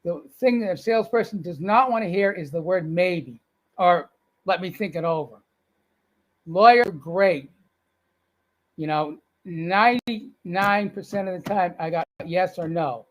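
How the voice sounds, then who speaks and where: An older man with a Boston accent and a high voice tells stories as a guest in a casual, upbeat interview. He comes across as a folksy, cheerful storyteller, and the recording quality is low.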